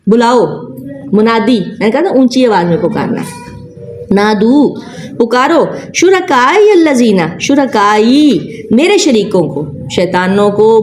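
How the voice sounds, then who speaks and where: A woman's voice: on the high side, darkish tone, slight background noise. Questioning woman teaching Quran. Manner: asks the class questions and repeats words slowly. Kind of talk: classroom tafseer lesson.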